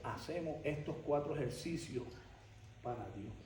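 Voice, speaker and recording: Older male pastor, emphatic testimony sermon, slightly high voice, distant noisy church recording. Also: moderate pace. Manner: emphatic storytelling. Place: church sanctuary. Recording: echoey church from far off, noisy.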